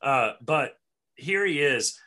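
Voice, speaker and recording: A man's voice: medium pitch, animated, slow pace, sharp tone. A man co-hosting a podcast, chatting loosely with fillers as he recaps a cartoon episode. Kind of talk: casual chat.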